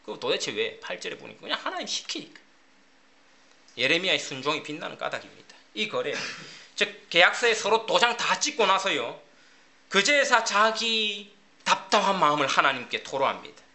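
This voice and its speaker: A man's voice: sits high, very animated, normal speed, vocal fry, sharp tone. A male pastor preaching a sermon, asking rhetorical questions and acting out quoted prayers and voices.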